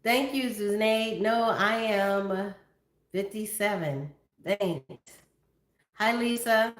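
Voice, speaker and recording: A woman's voice: mid-range voice, slow pace. A woman in her fifties hosting a casual livestream, greeting viewers by name and chatting about her day. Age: 50s. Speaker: livestream host. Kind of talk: casual livestream chat reading viewer comments. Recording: echoey room.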